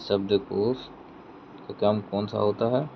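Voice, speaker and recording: Speaking slowly in a low, steady voice with some vocal fry, this teacher works through grammar questions for exam prep, reading each one aloud again before giving the answer. He breaks things down step by step and keeps asking "theek hai" to check on his students, over faint traffic in a dull, lo-fi recording.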